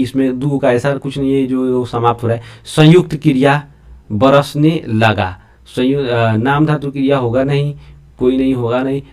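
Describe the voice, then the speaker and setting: A man teaching grammar, explaining lively and checking whether students follow. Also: mid-range voice. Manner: lively, repeatedly checks understanding with rhetorical questions. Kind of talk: classroom-style lesson explaining to students.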